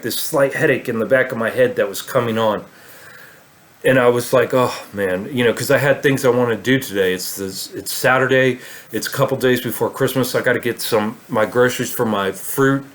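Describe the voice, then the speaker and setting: A man's voice: medium pitch, a bit bright. Rambling man telling a story. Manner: rambling, many fillers and restarts. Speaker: vlogger. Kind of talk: casual storytelling monologue.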